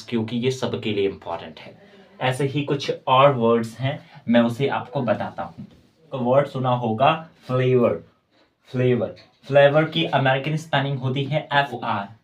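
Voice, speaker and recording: A man giving a spoken tutorial as an English teacher, slowly spelling out words letter by letter and repeating his points. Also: medium pitch.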